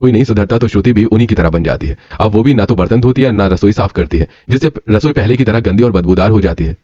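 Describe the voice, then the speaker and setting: A man narrating a cartoon story in a brisk, scripted storytelling manner. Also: fairly low pitch. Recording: lo-fi with soft music.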